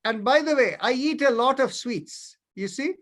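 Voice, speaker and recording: Leading a yoga session by video call, an Indian male teacher chats casually but hesitantly, stumbling through fillers and restarts. His voice is very high-pitched, expressive and fairly bright, at a moderate pace.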